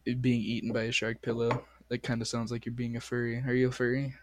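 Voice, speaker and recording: A man hosting a podcast, chatting casually with crude, excitable banter while straining a sore voice. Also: mid-range voice, quick pace, a little hiss or hum. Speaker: podcast host. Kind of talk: casual chat.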